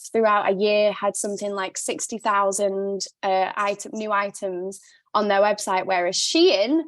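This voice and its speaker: A woman with a medium-pitched, slightly slow voice is recorded without echo as a guest on a casual podcast interview. She's a sustainable stylist who isn't originally from Glasgow but now lives there, so her accent is a non-native mix with a slight Glaswegian tinge. She talks passionately and bluntly, swearing freely and laughing often.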